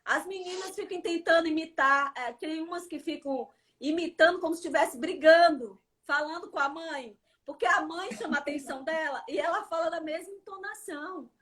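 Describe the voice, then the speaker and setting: A woman preaches in a prayer livestream, her voice set high. She speaks fervently and keeps turning to her listeners as "dear". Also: moderate pace, hardly any pauses, a bit bright. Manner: fervent, addresses listeners as "querido".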